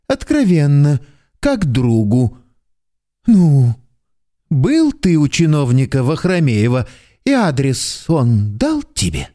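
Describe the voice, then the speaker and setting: A man voicing a jittery middle-aged clerk in a radio drama, his pitch leaping up and down as he coaxes and scolds. He talks in agitated bursts and slides from wheedling into outraged name-calling. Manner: agitated, pleading, bursts into shouting abuse. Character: nervous, excitable middle-aged male clerk.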